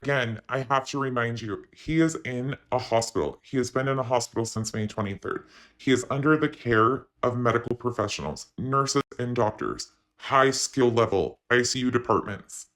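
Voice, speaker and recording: Using a voice changer, a man hosts an opinionated online commentary channel and speaks straight to his viewers. His voice is mid-range with a fairly bright tone at normal speed.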